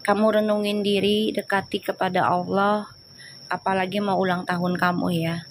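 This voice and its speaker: A woman's voice: mid-range voice, level tone, normal speed. Lady doing a tarot live, chatty and scolding, slangy, bit of faint noise behind. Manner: chatty, scolds commenters, switches to slangy banter. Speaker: tarot reader on a live stream. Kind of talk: live-stream tarot reading and chat replies.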